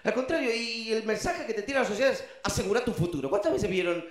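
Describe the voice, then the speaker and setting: A man with a Rioplatense accent performs stand-up in a fairly high voice. He tells stories with lively energy and slips into acted voices. The sound carries a roomy echo. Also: fast talker. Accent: Rioplatense Spanish. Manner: animated storytelling, acts out voices. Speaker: stand-up comedian. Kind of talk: stand-up routine.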